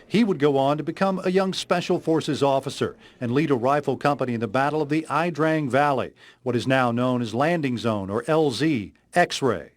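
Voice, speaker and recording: A man's voice: medium pitch, moderate pace. A man with an American accent narrating a scripted television news report as the reporter.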